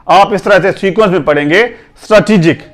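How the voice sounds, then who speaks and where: A young man teaching pronunciation, with a voice set a little higher than most men's. He spells each word out letter by letter and repeats it slowly and patiently, correcting the usual mistakes. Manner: patient, corrective, often says "theek hai". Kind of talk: instructional video lesson.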